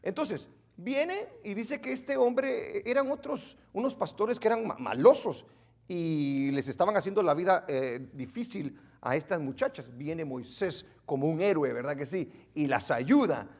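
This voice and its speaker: Male preacher, high and very expressive, teasing questions to the congregation, sermon in a church. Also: unhurried. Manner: quizzes the congregation, joking and exclaiming. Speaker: pastor. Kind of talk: interactive Bible teaching sermon.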